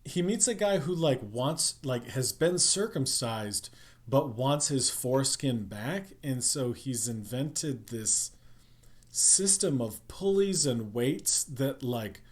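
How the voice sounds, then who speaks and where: A man's voice: medium pitch, expressive, takes it slowly. A man chatting casually on a podcast, rambling with lots of ums and restarts. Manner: rambling, many fillers. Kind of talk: casual chat.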